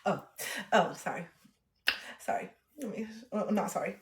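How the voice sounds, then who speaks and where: A woman's voice: medium pitch, moderate pace. A woman in her late thirties, a livestreamer chatting casually and animatedly with her viewers. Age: 30s. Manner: chatty, animated, reacts to chat. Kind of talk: casual chat to a live chat. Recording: echoey room.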